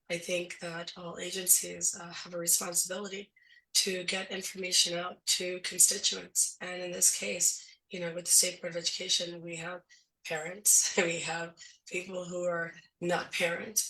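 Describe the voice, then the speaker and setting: A woman with a lowish, gravelly voice that is going hoarse, talking through her points in a casual, explanatory way. Her tone is bright, and she sounds a little distant from the mic. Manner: thoughtful, explanatory, many fillers. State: losing her voice. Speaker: school board candidate. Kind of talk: casual discussion.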